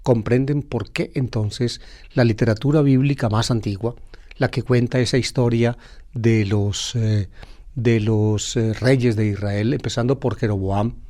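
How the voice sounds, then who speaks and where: A man's voice: medium pitch, steady tone, measured pace, dark tone. A man teaching on the radio about a Bible passage, explaining unhurriedly and repeating key phrases, with frequent fillers.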